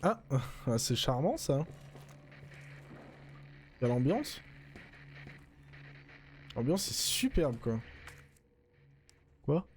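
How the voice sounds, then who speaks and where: A man's voice: medium pitch, sing-song, darkish tone, a little hiss or hum. A young man casually commenting as he plays a horror game, muttering to himself and cracking jokes. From France. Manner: chatty, muttering to himself, quick to joke. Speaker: let's play streamer.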